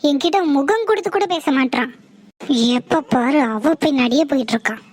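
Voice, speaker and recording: A woman's voice: sits high, lively intonation, moderate pace, no room sound. A woman voicing a stern, scheming older mother-in-law in a cartoon, speaking in a bitter, scolding way. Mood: resentful. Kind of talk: cartoon voice acting.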